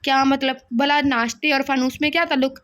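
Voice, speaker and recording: A woman narrator reads a proud young man in an audio novel, used to having his own way. He speaks curtly and matter-of-factly, in a voice that stays high. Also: steady tone, brisk, fairly bright tone. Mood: friendly.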